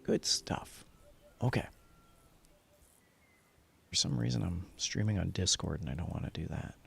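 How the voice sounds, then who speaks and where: Deep and creaky with a breathy edge, his voice has lively intonation and a measured pace. The man is a livestreamer hosting a relaxed gaming session, chatting cheerfully and muttering to himself while setting up.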